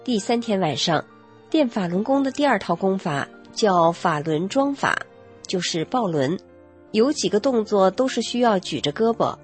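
A woman narrating a first-person story in a steady, earnest reading voice with a husky tone. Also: mid-range voice, moderate pace, faint music behind.

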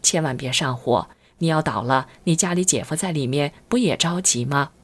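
A polite, officious male police officer who coaxes and soothes, voiced by a woman reading her story. The voice sits low and stays close to her everyday tone. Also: expressive, normal speed, breathy edge. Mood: coaxing.

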